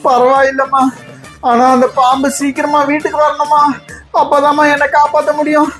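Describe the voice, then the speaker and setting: A frantic, panicky father who has just been bitten, voiced by a woman, his voice pitched high and thin as he yells for his wife. Faint music plays under the comedy skit. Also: completely flat delivery, moderate pace. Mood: weak. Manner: frantic, calling out loudly.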